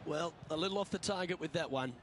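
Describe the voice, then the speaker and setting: A man voicing a play-by-play golf commentator in a game, with a smooth, measured broadcaster delivery. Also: a little high, fairly bright tone, close to an everyday voice. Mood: calm. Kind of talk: scripted sports commentary. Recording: commentary over crowd and course noise.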